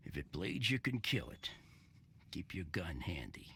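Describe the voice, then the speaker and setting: An actor playing a gruff, wary barkeeper in a game, with a gravelly voice and a blunt manner. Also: male voice, sits low, sing-song, measured pace, bright, forceful tone, a little hiss or hum, heavily acted. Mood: grim, wary.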